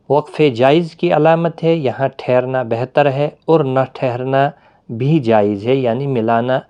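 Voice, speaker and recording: A man teaching a Quran reading lesson, explaining patiently with pauses and drawn-out fillers. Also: mid-range voice, dark tone, dull audio.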